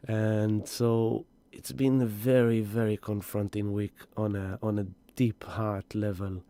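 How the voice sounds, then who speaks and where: A spiritual astrology host gives an energy update on a live stream in a husky, low, mellow voice, sounding exhausted and grieving. He's gentle and rambling, greets viewers by name, and the recording has no room sound.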